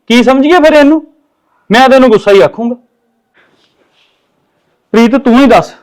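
A man acting as a fatherly elder brother with a reproachful, lecturing way of talking. His voice is pitched very high for a man. It is a family drama scene.

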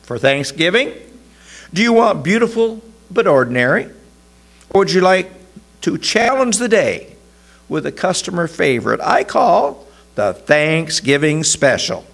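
A man voicing a kind, wise woman who runs a flower shop, speaking softly and patiently. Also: deep voice, sing-song, measured pace, creaky, voice pushed up, exaggerated voice. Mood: friendly. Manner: soft, patient, consoling.

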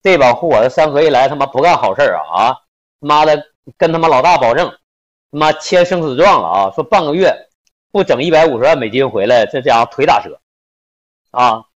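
A man's voice: medium pitch, expressive, a little fast, lo-fi sound, natural voice. A man voicing a worried, foul-mouthed coworker, grumbling and profane. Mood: fed up.

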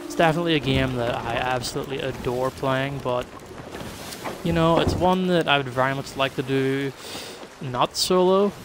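A man's voice: on the high side, creaky. A man streaming a game live, talking casually to his viewers and thinking aloud as things happen. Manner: chatty, thinks aloud, reacts to surprises. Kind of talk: live gameplay commentary. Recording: game sounds of ocean and ship noise behind.

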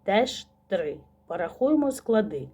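A woman teacher giving a slow, patient recorded lesson to young children, asking questions and praising answers. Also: mid-range voice, very animated, warm tone, breathy edge.

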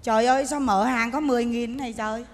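A woman's voice: a little high, steady tone, quick pace. A woman, playing a stingy, bossy funeral host in a stage comedy sketch. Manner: bossy, scolding, northern speech. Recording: stage recording in a reverberant hall.

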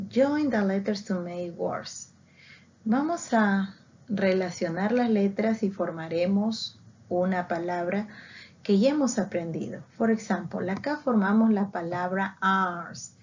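A woman teacher giving a bilingual English lesson, spelling out words and repeating them slowly. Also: mid-range voice, a little mellow, a little hiss or hum. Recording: dull lo-fi recording.

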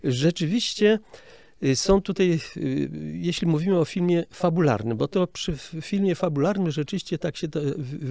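A man's voice: a little high, vocal fry, darkish tone, dry recording, studio quality. An older man, a film sound director, explaining his craft in an interview in a hesitant, explanatory way with frequent restarts. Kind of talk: casual interview talk.

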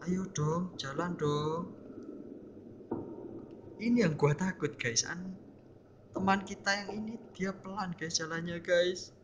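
A young gameplay streamer with a high voice comments casually on a horror game, speaking slowly and steadily with long pauses. He sounds tense and jumpy, keeps calling his viewers "guys," and there's noise in the background.

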